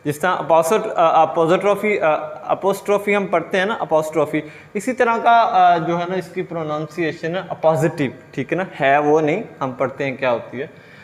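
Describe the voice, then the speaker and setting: High-voiced man teaching grammar in a hall. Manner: explains step by step, asking questions and answering them himself; reads English example sentences slowly and deliberately. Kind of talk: grammar lecture.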